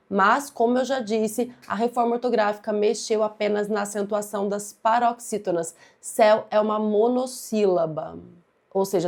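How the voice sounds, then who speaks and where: Brazilian lady teacher going over exam questions, bit of vocal fry, leans hard on key words. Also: medium pitch, darkish tone. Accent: Brazilian Portuguese. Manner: didactic, stresses words and repeats key terms. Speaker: Portuguese grammar teacher. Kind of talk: exam-prep lesson.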